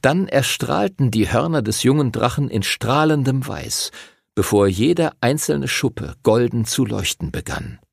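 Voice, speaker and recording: A man narrating a fantasy audiobook in an expressive storytelling manner. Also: medium pitch, unhurried, vocal fry, slightly rough, dry recording, clean studio sound.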